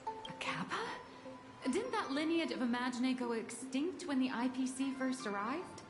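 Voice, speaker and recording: A woman voicing a wry, expressive young woman who is a comic artist, in game audio with music behind. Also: high voice, normal speed, roomy sound.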